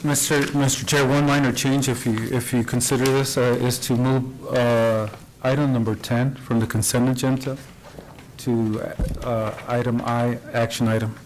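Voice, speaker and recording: A man's voice: mid-range voice, flat delivery, normal speed, slight background noise, low-quality recording. A man serving as county manager, proposing a change to the agenda hesitantly, with restarts. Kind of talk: procedural remarks.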